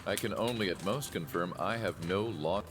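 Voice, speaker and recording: A man voicing a composed, serious fighter in a video game, speaking in a formal, measured and businesslike way. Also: low voice, lightly acted. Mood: calm, formal. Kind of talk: English video game voice acting.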